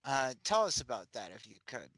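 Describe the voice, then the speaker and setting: A man in a tabletop game, asking friendly, easygoing questions. His voice sits in a middle pitch. The recording is dry and close. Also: big pitch swings, a little fast, a bit bright, no room sound, rough recording. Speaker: player. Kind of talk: tabletop role-play.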